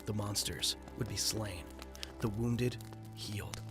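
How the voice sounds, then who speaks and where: A man's voice: fairly low pitch, takes it slowly. A man voicing Batman as a young billionaire in an audio drama, speaking earnestly and solemnly. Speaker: voice actor. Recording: with background music.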